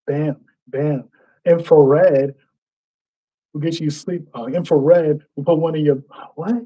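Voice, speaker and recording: Man reciting battle bars, mellow tone, fairly high voice, stops and restarts lines. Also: steady tone, slow, slightly rough, poor audio. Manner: rhythmic recital with frequent restarts and self-corrections; mutters to himself when he forgets lines. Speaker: battle rapper. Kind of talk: reciting and breaking down his own battle verses.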